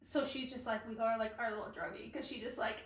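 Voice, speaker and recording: Woman, 30s, podcast co-host; chatty, filler-heavy, fairly high voice, echoey room, mic a bit far. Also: steady tone, quick pace. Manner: chatty, lots of likes and fillers. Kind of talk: casual chat. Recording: roomy echo, mic at a distance.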